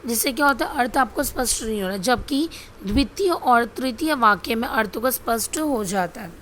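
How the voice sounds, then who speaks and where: A woman's voice: on the high side, lively intonation, normal speed, a bit bright, a little hiss or hum. A woman teaching a grammar lesson over slides, repeating herself and asking questions she answers herself. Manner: repetitive, asks rhetorical questions and answers them.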